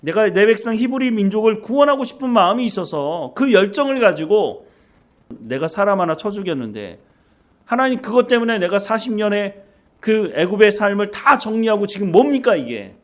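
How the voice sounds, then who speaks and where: A man's voice: fairly high pitch, sing-song, normal speed. Moses played by a male preacher: worn-out, bitter shepherd pleading with heaven, voice rising and falling a lot. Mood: bitter complaint. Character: despairing middle-aged male shepherd, bitter and weary.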